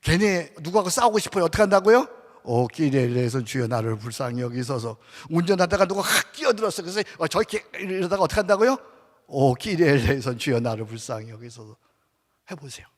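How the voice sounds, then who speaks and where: A male pastor preaching a sermon at a conference. He swings between loud calls and hushed, prayerful murmurs, asking his listeners questions and having them repeat prayers. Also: fairly high pitch, sing-song, quick pace. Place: church sanctuary with long reverb. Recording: reverberant church hall.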